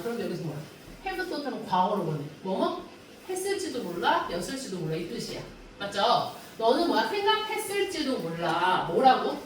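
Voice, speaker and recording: A woman's voice: fairly high pitch, a little hiss or hum. A woman English teacher giving a classroom lecture, asking her students question after question as she explains a reading passage. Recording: echoey room from a distance.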